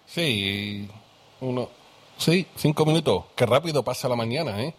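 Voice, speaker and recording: Male radio host, casual and chatty live call-in style, average pitch. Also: animated, a little slow, husky. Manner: chatty, familiar, interjects "ajá" often.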